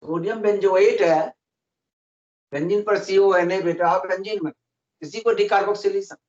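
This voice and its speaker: A man's voice: high voice, steady tone, moderate pace, a little mellow. A man teaching chemistry in an online class, patiently explaining and calling his students "beta" all the time. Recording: roomy, muffled online call audio.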